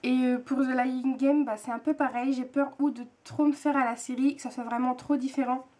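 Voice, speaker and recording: Young french woman vlogging, high voice, lots of euh and little restarts. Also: steady tone, a little fast, mellow. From France. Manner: chatty, hesitant, many fillers and repeats. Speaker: book and TV vlogger. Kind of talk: casual chat to camera.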